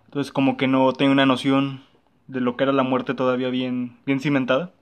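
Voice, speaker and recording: A man's voice: mid-range voice, monotone, a little fast, smooth. A young man with a Mexican accent telling a personal story in casual, slangy chat, full of fillers.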